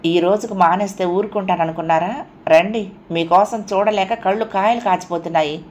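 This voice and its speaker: A woman voicing an adoring young woman who speaks in a soft, coaxing murmur in a storybook reading. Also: medium pitch, normal speed, slight background noise, natural voice. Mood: tender coaxing.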